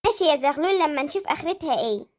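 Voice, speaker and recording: Squeaky sped-up voice doing a greedy flirty mistress, Adlout. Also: animated. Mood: coy demanding. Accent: Egyptian Arabic. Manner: coy, demanding, fast. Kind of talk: comic cartoon dialogue.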